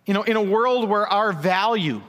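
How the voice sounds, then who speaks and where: A man's voice: high-pitched, moderate pace, fairly bright tone, long reverb tail. A male pastor, preaching a conversational sermon with asides and dry jokes.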